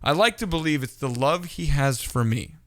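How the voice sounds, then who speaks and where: A man in his thirties hosting a casual interview, joking and teasing in quick bursts. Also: fairly high pitch, animated, fairly bright tone, no echo, studio quality. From California. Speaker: interview host.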